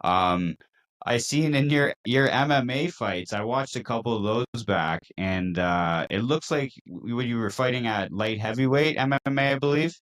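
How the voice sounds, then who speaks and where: A man's voice: mid-range voice, moderate pace, a bit bright, poor audio. A man interviewing a fighter, asking casual, friendly questions with some fillers.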